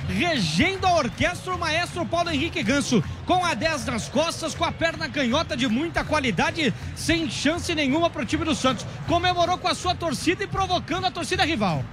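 A Brazilian man works as a football reporter, recapping goals in a very high, excited voice. His delivery is florid and emphatic, running one phrase into the next. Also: normal speed, hardly any pauses, background noise. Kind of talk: excited goal replay description.

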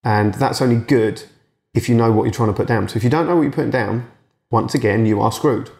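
A man's voice: mid-range voice, fast, gravelly, a little mellow. Man, frank and chatty, roomy sound. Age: late 30s. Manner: frank and chatty, swears, acts out remembered exchanges. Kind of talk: casual candid monologue.

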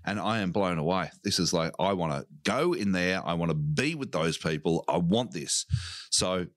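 A man co-hosting a podcast, telling a childhood story in an animated way and breaking into laughing shouts. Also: sits low, moderate pace, no room sound. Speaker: podcast co-host. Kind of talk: casual storytelling chat.

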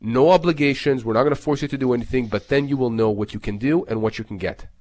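A man with a mid-range voice speaks as a legal expert on a talk show. He explains step by step, leaning on important points and restating them so they are clear. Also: mid-range voice, fast talker, a little mellow. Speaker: lawyer, expert guest on a legal advice show.

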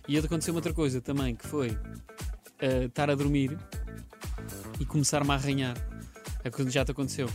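A man's voice: mid-range voice, steady tone, fairly quick, music in the background. A man from Portugal's Beira Baixa with a European Portuguese accent, chatting casually and jokingly, rambling and cutting himself off mid-sentence. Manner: joking, rambling, self-interrupting. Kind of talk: casual chat.

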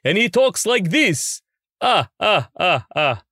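A man's voice: sits high, lively intonation, a little slow, a bit bright, slightly rough, no echo, studio quality, voice pushed up, exaggerated voice. A man doing a voice for a male vampire count puppet, laughing dramatically. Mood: theatrical.

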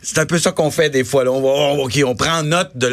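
A man with a Quebec French accent, a comedian, chatting casually in a halting way with frequent restarts. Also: medium pitch, steady tone, creaky, no echo. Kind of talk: casual chat.

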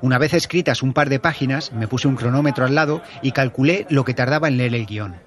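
Man calmly explaining his craft. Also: medium pitch. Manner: measured, explanatory. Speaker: podcast host and audio drama director. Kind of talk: answering listener questions.

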